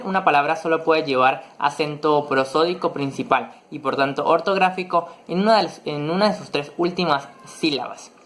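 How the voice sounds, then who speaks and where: A presenter giving a virtual lesson on spelling rules in a measured, methodical way, pausing now and then on short fillers. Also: medium pitch, fairly bright tone. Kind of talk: explanatory lecture, partly read.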